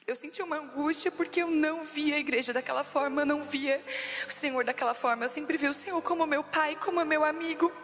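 High-voiced Brazilian woman preaching. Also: quick pace, fairly bright tone. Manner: emotional, repeats phrases for emphasis. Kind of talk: sermon testimony. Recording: long reverb with faint background music.

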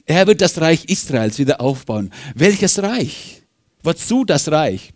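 A male pastor preaches a sermon to his congregation in a church service. His voice sits fairly high for a man. He swings between loud, emphatic rises and quiet, hushed passages. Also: sing-song, slow. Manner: fervent, with sudden loud rises and hushed drops.

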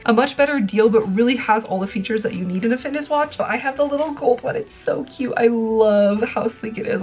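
A woman vlogger chatting casually and upbeat in her mom's craft room, full of "like" fillers and laughs. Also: mid-range voice. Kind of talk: casual vlog chat with a sponsored product segment.

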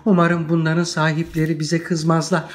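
A man's voice: high-pitched, very animated, fairly quick, a little mellow, soft background music, voice pushed up. A man voicing a simple, timid peasant squire in a storybook reading, speaking hesitantly and meekly. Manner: hesitant, meek and puzzled.

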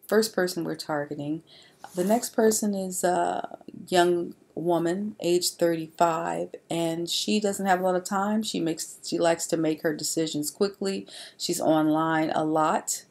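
Female presenter, low register, loose unscripted voice-over for a slide deck. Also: a little mellow. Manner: informal, with frequent fillers and restarts.

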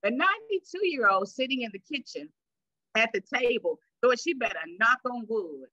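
A woman's voice: on the high side, sing-song, moderate pace, sharp tone, no room sound. Woman pastor, sermon, scripture reading, stretched words, dull dry sound. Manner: call-and-response preaching, stretches words for emphasis. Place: church sanctuary.

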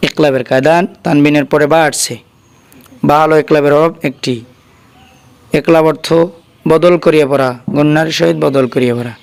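A man's voice: fairly high pitch, steady tone, normal speed, creaky, pauses often, clear, resonant tone. A Bangladeshi man with a Bengali accent teaching Quran reading, spelling out syllables one by one and then chanting them together. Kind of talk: letter-by-letter Quran spelling lesson.

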